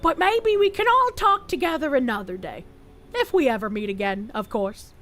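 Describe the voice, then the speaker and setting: A woman voicing a middle-aged country husband who is overly courteous and pushy, with a folksy, falsely sweet manner and a lowered voice. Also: lively intonation, normal speed, fairly bright tone. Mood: polite, ingratiating.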